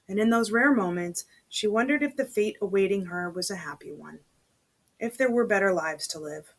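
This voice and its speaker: Reading a novel aloud in a slightly bright, mid-range voice, this woman plays a chatty storytelling host. Every so often she slips into informal comments spoken under her breath.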